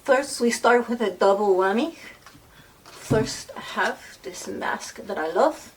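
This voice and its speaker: A woman's voice: medium pitch, takes it slowly. A chatty, self-deprecating woman talks her way through a makeup routine at home, wandering off on side comments. Her voice sits a little back from the microphone, and there is a faint hiss underneath. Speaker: beauty vlogger. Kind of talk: casual chat while doing makeup. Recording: voice a bit far from the mic, faint noise.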